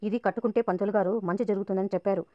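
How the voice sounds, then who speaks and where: A woman's voice: mid-range voice, fairly even intonation, rapid-fire, mellow, dry recording, dull audio, close to an everyday voice. A woman narrator reading the lines of a naive, pushy young woman. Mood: impatient. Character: naive pushy young woman chasing her sister's husband.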